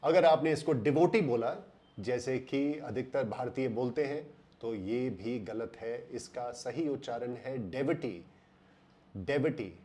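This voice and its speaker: An Indian man explaining English pronunciation in a voice-over lesson, slowing down and drawing out words to stress them. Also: mid-range voice, warm tone.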